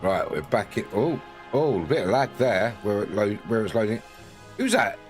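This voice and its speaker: Guy doing chill game commentary w playful storytelling bits, lowish voice, faint music. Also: animated, normal speed, a little mellow. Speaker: game streamer. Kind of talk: casual gameplay commentary with playful in-character narration.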